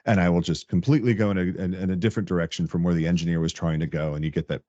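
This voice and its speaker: A man as a guest on a podcast, chatting casually and telling animated stories, laughing often. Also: sits low, very fast, dry recording, highs cut off. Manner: animated storyteller, laughs often, acts out coworkers' lines. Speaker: podcast guest, tech director. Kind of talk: casual interview chat.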